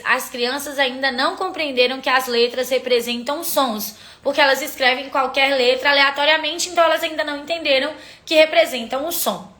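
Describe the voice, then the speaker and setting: A woman's voice: high-pitched, sharp tone. A woman teacher, patiently explaining a literacy lesson on a live stream and pointing viewers to examples.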